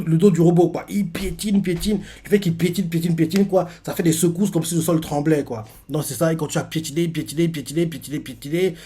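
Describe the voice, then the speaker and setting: A man's voice: a little high, a little mellow, husky. A man casually recapping a manga chapter, rambling with lots of fillers and repeated words. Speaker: manga reaction youtuber.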